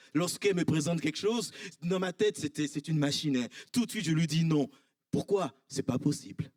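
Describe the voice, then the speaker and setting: A man in his thirties, a pastor with an Ivorian French accent, preaching a sermon. He swings from high, emphatic cries to low, quiet asides. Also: dry recording, clean studio sound. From Ivory Coast. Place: church.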